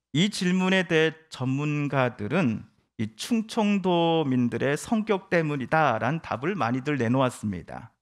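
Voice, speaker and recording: Middle-aged korean pastor guy preaching, pitch jumps around a lot, mid voice. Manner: reads scripture slowly, then tells stories with dialect voices. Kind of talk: sermon.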